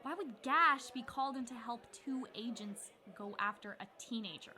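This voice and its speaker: A woman playing a skeptical young low-level agent who keeps asking questions. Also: normal speed, bright, forceful tone. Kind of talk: audio drama acting.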